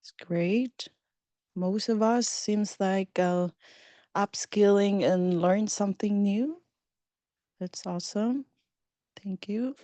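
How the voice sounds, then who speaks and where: Slow, upbeat woman presenter. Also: mid-range voice, warm tone, dry recording. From Philippines. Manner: upbeat, chatty, with frequent fillers and small laughs. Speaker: webinar presenter. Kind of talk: casual live webinar talk. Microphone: video call.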